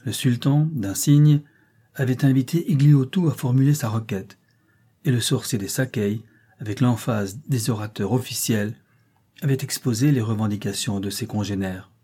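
A man's voice: mid-range voice, moderate pace, dark tone, breathy edge. A man reading an adventure novel aloud with dramatic emphasis. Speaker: audiobook narrator.

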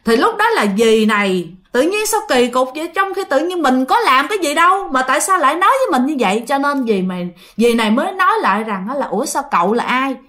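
A woman's voice: high voice, quick pace, hardly any pauses. A woman telling a ghost story, speaking straight to her listeners and acting out the voices. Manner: animated, addresses listeners directly, acts out voices.

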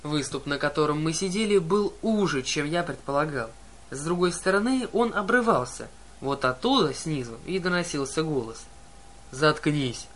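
A man narrating an audiobook in a lively first-person storytelling manner. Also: fairly high pitch, normal speed. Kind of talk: audiobook reading.

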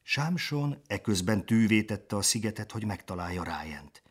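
Give me a man reading a storybook aloud with an expressive, slightly husky voice. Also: on the low side. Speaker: narrator.

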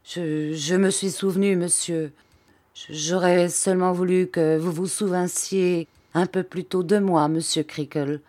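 A woman's voice: fairly low pitch, fairly even intonation, a little slow, darkish tone, natural voice. A woman reading an audiobook, voicing an agitated male schoolmaster who raises his voice in trembling outbursts. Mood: flustered.

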